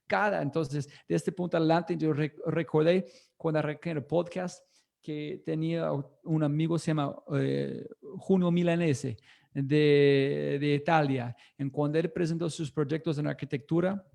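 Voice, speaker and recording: Energetic man in halting Spanish. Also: on the high side, gravelly. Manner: energetic, enthusiastic; halting non-native Spanish. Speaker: interview guest, podcaster. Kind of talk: livestreamed interview talk.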